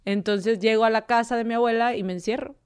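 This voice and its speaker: A woman's voice: fairly high pitch, fast talker, smooth. A woman with a Mexican Spanish accent, candidly telling her own story in conversation, acting out the voices she quotes. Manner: animated, acts out quoted voices.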